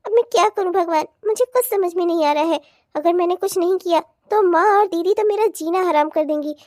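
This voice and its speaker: A woman's voice: extremely high pitch, a little fast, a little mellow, no room sound, studio quality. A woman voicing a tearful young bride. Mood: worried. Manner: emotional, anguished. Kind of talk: cartoon voice acting.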